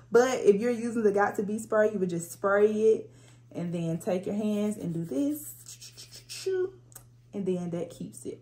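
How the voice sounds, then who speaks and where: Casual woman teaching a hair technique. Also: lowish voice. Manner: relaxed, instructive, talks through each hand step. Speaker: hair tutorial host. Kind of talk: casual step-by-step tutorial. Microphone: phone propped up on a spray bottle.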